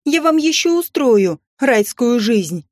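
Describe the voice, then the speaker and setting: A male audiobook narrator performs a full character voice for a brazen, scheming young mother, sly, mocking, venomous and indignant. He raises his voice very high above his own pitch, speaking very animatedly but slowly. The studio sound is clean, with no room sound.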